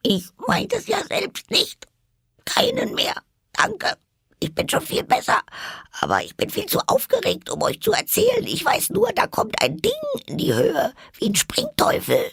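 A squeaky little lizard. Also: male voice, wildly swooping pitch, unhurried, gravelly, a bit bright, dry recording, studio quality, heavily acted. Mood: flustered. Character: small squeaky male lizard, flustered.

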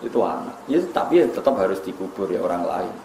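A man's voice: low-pitched, expressive, fast, a little mellow, roomy sound, slight background noise, low-quality recording. A man with a Javanese accent giving a humorous religious lecture, mixing joking asides with recited Arabic. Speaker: preacher.

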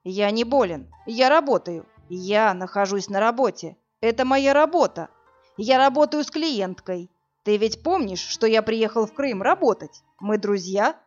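A woman's voice: a little high, expressive, measured pace, soft background music. Woman voicing an edgy young man, jittery and later unhinged, audiobook read, lo-fi sound. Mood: manic. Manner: nervous, faltering, then ranting. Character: nervous young man, turning manic. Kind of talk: audiobook character reading. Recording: dull lo-fi audio.

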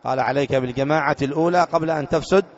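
A man's voice: on the high side, racing. A religious teacher from Yemen, explaining a creed text in a lecture and often posing rhetorical questions to his listeners before answering them. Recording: dull lo-fi lecture recording.

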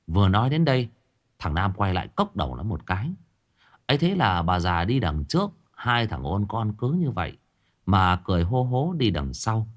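A male storyteller narrates a ghost story dramatically at normal speed. His low-leaning voice rises and falls in a lively way.

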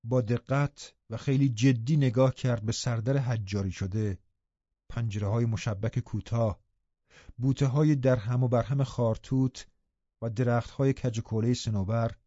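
A man reading an audiobook in a calm, measured narration. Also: mid-range voice, dry recording, lo-fi sound. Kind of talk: scripted narration.

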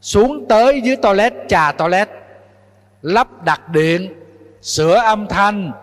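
High-voiced monk preaching in echoing hall. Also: male voice, slow. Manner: scolding, preacher-like, full of rhetorical questions. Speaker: Buddhist monk teacher. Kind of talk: dharma talk to young followers.

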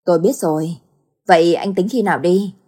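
A woman's voice: lowish voice, fairly quick, dark tone, slightly rough. A woman voicing a weary, helpless grandfather who pleads for help. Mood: weary pleading.

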